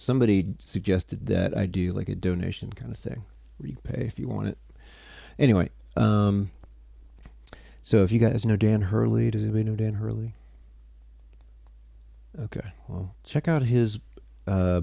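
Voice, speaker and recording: A man's voice: lowish voice, normal speed, vocal fry, dark tone, breathy edge, no echo. A tired man teaching music theory on a casual livestream, rambling and breaking off mid-sentence as he chats with viewers. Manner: rambling, self-interrupting, chatty with viewers.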